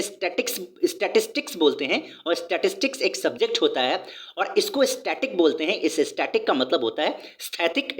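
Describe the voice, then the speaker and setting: A man's voice: sits high, fairly bright tone. Male teacher who reads a bit from a book and then explains it in plain talk, chatty and repetitive. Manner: conversational, repeats points and asks rhetorical questions. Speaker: economics teacher. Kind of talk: explanatory video lesson.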